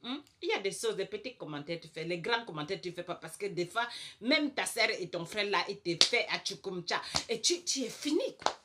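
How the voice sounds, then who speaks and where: A woman's voice: mid-range voice, lively intonation, a little fast, heavy background noise. A woman doing a chatty comic rant to camera. She is emphatic, repeats herself for effect and tags her sentences with little asides. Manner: emphatic, chatty, peppered with "hein" and "quoi". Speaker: comic monologue persona.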